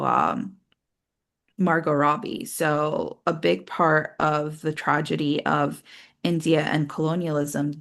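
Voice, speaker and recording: A woman with a low voice and plenty of vocal fry gives casual commentary as a podcast co-host. She takes her time, explaining things in a halting way with lots of fillers and pauses. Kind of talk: casual talk, commentary on culture news.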